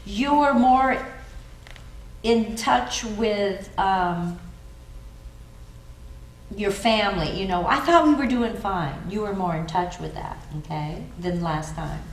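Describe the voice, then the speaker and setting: A woman's voice: mid-range voice, slow pace, pauses often. A woman drama teacher giving encouraging, coaching feedback to acting students. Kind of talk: spoken class critique. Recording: roomy echo, clear background noise.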